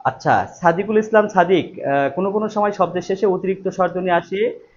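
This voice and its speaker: Fairly quick and high-pitched, a man runs a live online exam-prep session, restating every question before answering it and leaning on key words. The stream sound is dull and lo-fi with a bit of faint noise.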